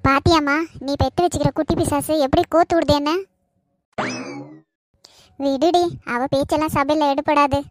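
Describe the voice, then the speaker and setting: A woman's voice: high-pitched, fairly even intonation, moderate pace, long pauses, dry recording, lightly acted. A woman voicing a harsh, scheming middle-aged stepmother in a cartoon, with a scolding, spiteful way of talking.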